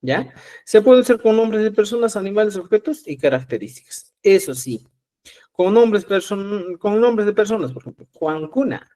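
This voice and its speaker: A man's voice: sits high, very animated, moderate pace, dark tone. Patient Peruvian man teaching a class. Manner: patient, repeats "¿ya?" to check understanding. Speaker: Quechua teacher. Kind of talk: live online class.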